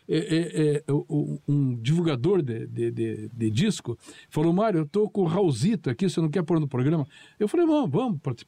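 As a guest, a former TV show producer from Paraná, an older man, tells stories from the past, performing the dialogue himself. He has a slightly high, dark, somewhat rough voice, and there's no room sound.

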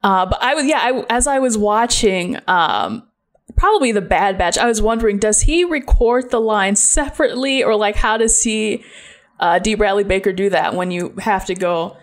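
A woman's voice: mid-range voice, normal speed. A woman hosting a podcast who talks casually and chattily and laughs easily. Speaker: podcast host. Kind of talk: casual chat.

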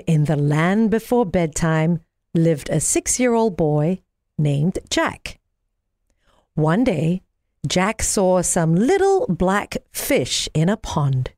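A woman reading a bedtime story to young children as an expressive sleep story narrator. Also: on the low side, no echo, clean studio sound. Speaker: story reader.

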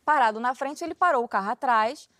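A woman tells a story in a casual chat, with a high voice and a rapid pace. She keeps it animated, laughing as she goes and acting out each line of dialogue. The recording is dry and close, with no room sound. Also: dry recording. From Rio de Janeiro, Brazil.

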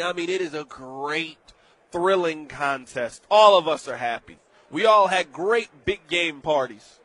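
Young guy hosting a sports betting show, kinda high voice, emphatic and playful. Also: bright, forceful tone. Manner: emphatic, playful, riffing on hypotheticals. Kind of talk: animated sports talk.

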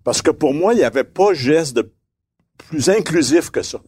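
A man's voice: fairly high pitch, lively intonation, normal speed, darkish tone, slightly rough, no room sound. A man in casual chat, telling a story and repeating his words. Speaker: comedian guest.

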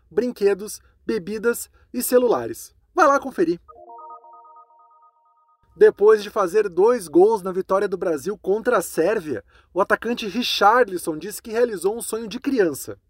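A Brazilian man with a fairly high voice narrates a scripted news roundup. He speaks clearly and conversationally, and the recording is dry with no room echo.

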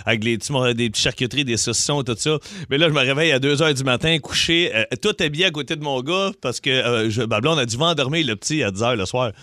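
A man's voice: medium pitch, fast talker, hardly any pauses, sharp tone, no room sound, studio quality. A man with a Québécois French accent hosting a radio guessing game, playful and teasing, laughing often. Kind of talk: lively morning radio banter. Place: radio studio.

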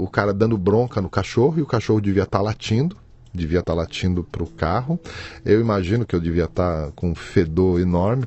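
Low, husky Brazilian man telling a story. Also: darkish tone, highs cut off. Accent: Brazilian Portuguese. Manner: halting, restarts and repeats words while recounting. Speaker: podcast guest. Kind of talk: personal storytelling in an interview.

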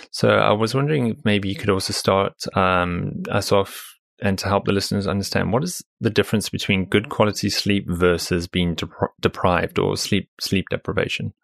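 A man hosting a podcast, introducing a guest and asking questions in a casual, halting way with restarts. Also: on the low side, fairly even intonation, gravelly, fairly bright tone, dry recording, clean studio sound. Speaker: podcast host. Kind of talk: podcast interview.

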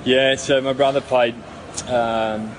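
Here the ex-rugby player, a middle-aged man from New Zealand, talks slowly in a medium-pitched voice. He answers the interviewer loosely and rambles, often restarting and using fillers, over background noise.

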